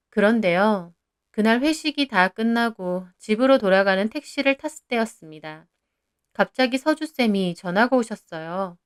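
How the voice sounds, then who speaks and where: A young woman narrating her own story in the first person, in an even, confiding way. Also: medium pitch, clean tone.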